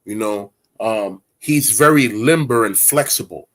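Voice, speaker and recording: A man's voice: lowish voice, measured pace. A man in his forties hosting a casual chat, talking in a rambling, candid, streetwise way. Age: 40s. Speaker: host.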